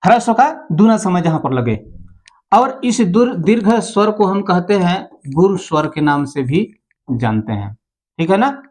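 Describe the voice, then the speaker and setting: A man's voice: high voice, big pitch swings, measured pace, a little mellow. A male teacher giving an exam-prep grammar lesson, repeating key terms and asking rhetorical questions.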